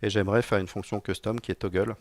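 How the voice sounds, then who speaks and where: A fast, lowish, slightly mellow male voice with fairly even intonation comes through on a dry recording. The speaker, a middle-aged technical director, live-codes at a conference and talks casually to the room with plenty of fillers and dry jokes.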